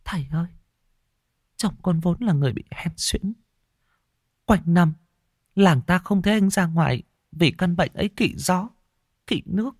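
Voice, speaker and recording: A man voicing a frightened young widowed daughter who weeps and pleads with her father, pitched far above his own voice. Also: a little slow, long pauses, husky, no room sound, studio quality, heavily acted. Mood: frightened whisper. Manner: high, weeping, pleading.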